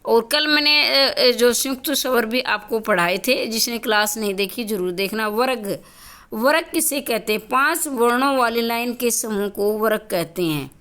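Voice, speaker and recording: A woman's voice: fairly high pitch, lively intonation, normal speed, pushed and bright. A woman teacher giving a grammar lesson, explaining step by step, asking and answering her own questions, and repeating key points to her students. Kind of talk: classroom-style grammar lesson.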